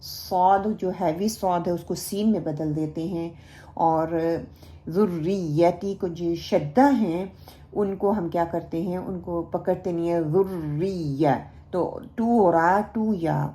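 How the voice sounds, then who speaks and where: A woman's voice: lowish voice, fairly even intonation, warm tone. A woman teaching Quran recitation in a recorded lesson, patiently explaining each sound step by step and modelling it herself.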